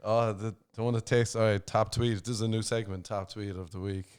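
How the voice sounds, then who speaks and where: A man's voice: fairly low pitch, steady tone, a little fast, a little mellow, clean tone. A man hosting a comedy podcast in casual chat. He swears freely, laughs often and reads tweets aloud. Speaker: podcast host.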